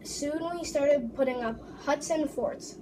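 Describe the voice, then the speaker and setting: Woman doing a proud english explorer, halting recital, highish voice, mic far off w noise. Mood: earnest. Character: English explorer John Smith, proud man. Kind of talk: first-person history presentation. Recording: distant mic with background noise.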